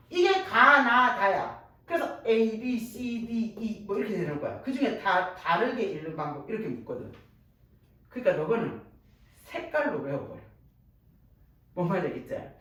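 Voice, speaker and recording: A woman with a teaching a Korean language class, lively and constantly checking whether her students follow. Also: mid-range voice. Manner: lively, checks understanding constantly with rhetorical questions. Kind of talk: classroom lecture. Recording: echoey room, voice from a distance, faint noise.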